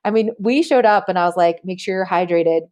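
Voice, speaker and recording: A woman's voice: fairly low pitch, a little fast, darkish tone. A woman guest on a podcast interview, talking energetically and chattily, often breaking into laughter. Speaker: guest, marketing agency CEO.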